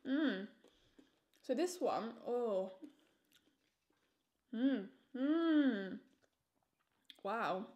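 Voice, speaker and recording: A young woman giving a casual, enthusiastic snack review to camera as she tastes crisps, repeating words for emphasis. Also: on the high side, expressive, drawn-out words, long pauses, a little mellow, muffled recording. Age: young adult. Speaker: food reviewer.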